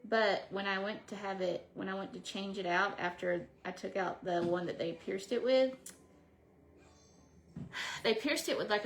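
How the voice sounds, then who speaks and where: A woman's voice: medium pitch, fairly bright tone, a little hiss or hum. Chatty woman rambling while she paints. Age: 40s. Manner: chatty, rambling, talks to herself as she works. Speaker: craft vlogger. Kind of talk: casual chat while painting.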